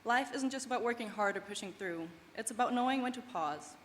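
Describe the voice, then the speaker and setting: Her voice on the high side, expressive and a little fast, a young woman from Germany delivers a heartfelt, earnest graduation speech in English, her second language. It's a prepared commencement address echoing with long reverb in a large hall over faint background noise.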